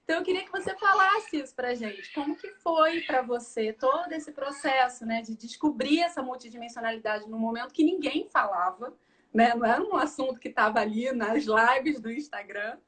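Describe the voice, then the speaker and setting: A woman's voice: sits high, normal speed, fairly bright tone. A woman hosting a live video interview, talking in a chatty way with frequent tag questions. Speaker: host.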